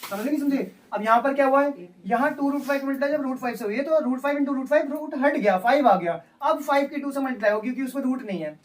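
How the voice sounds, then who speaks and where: A man's voice: extremely high pitch, fast talker, few pauses. Man teaching maths to a class. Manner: repeats steps, asks class questions. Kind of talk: live classroom lesson. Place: classroom with students. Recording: distant from mic.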